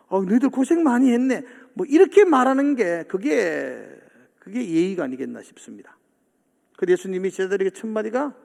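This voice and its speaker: A man preaches from a church pulpit. His voice sits high and swings widely in pitch as he acts out the disciples' complaints. The sanctuary leaves a long reverb trailing behind each phrase. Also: gravelly, darkish tone. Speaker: pastor. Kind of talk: sermon.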